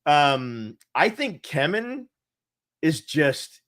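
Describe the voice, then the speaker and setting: A man co-hosts a casual chat with a candid, rambling delivery. He fills pauses freely and breaks into laughter mid-sentence. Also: on the high side, sing-song, a bit bright. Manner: rambling and candid, with frequent fillers; laughs often while talking. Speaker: co-host.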